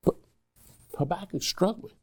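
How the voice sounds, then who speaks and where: Unhurried yet animated, a man preaches conversationally and poses rhetorical questions to the congregation.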